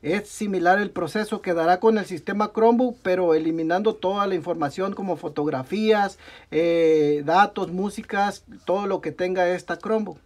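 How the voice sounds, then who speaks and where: The voice is high and a bit dark, delivered at a normal speed and picked up by a bench mic. A young Mexican tech tutorial host with a Mexican Spanish accent narrates a step-by-step repair at an indoor desk workbench, often saying "ok, amigos" and correcting himself as he works.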